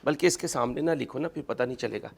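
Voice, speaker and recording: A gravelly, slightly rough voice at medium pitch carries this quick-paced accounting lecture. The man is chatty and joking, weaving personal anecdotes into worked examples and referring to his students as "kids."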